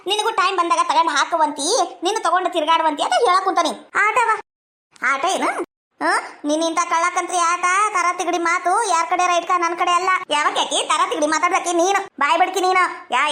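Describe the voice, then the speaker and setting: Fast, very high-voiced bragging village woman. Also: sharp tone. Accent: North Karnataka Kannada. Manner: bragging, quarrelsome, playing several village women. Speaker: comedy sketch performer. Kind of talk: village comedy sketch.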